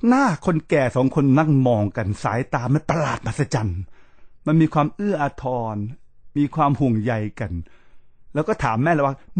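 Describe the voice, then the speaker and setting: A man's voice: mid-range voice, slightly rough, dry recording. A man hosting a podcast, telling a reflective story in an earnest, emphatic way and speaking straight to his listeners. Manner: earnest, emphatic storyteller who often addresses the listeners directly. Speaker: podcast host.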